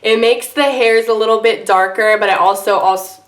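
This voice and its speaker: A woman's voice: fairly high pitch, steady tone, normal speed, reverberant. A woman hosting a casual beauty tutorial in an informal, rambling, apologetic way, her voice icky and under the weather from feeling sick. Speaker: beauty vlogger and host. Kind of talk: casual makeup tutorial chat to camera.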